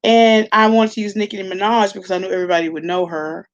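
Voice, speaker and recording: Talking fast in a level, mid-range voice, a woman comes through on a muffled recording. She runs an online commentary channel, and this chatty reaction vlog has her gossiping informally with salty slang and frequent listener check-ins.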